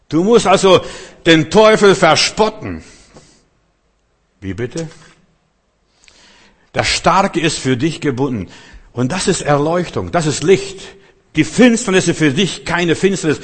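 A male preacher delivering an emphatic sermon, swinging between loud declarations and hushed lines, speaking straight to his listeners. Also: on the high side. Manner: addresses listeners directly and intimately. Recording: long hall reverb.

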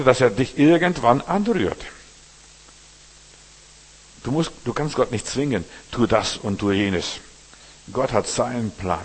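A male pastor delivering a sermon with a husky, slightly rough voice. He drives points home by repeating them and drops suddenly to near-murmurs before rising again. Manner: preaching with emphatic repetition and sudden shifts between loud calls and low murmurs.

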